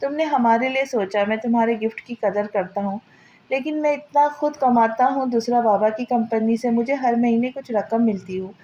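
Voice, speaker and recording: A man's voice: extremely high pitch, dark tone, highs cut off, slight background noise. Woman reading as a cheerful courteous husband. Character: cheerful husband, friendly young man.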